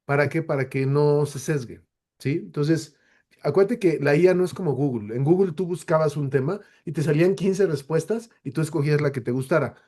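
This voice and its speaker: A man's voice: on the high side, fairly quick, mellow. A man speaking as a webinar guest, answering audience questions in an explanatory way and often tossing in rhetorical questions.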